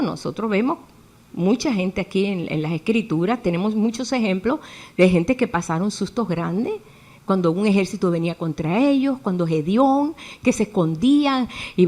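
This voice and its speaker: A woman preaching a sermon in a lively way, acting out the voices she quotes. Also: mid-range voice, normal speed.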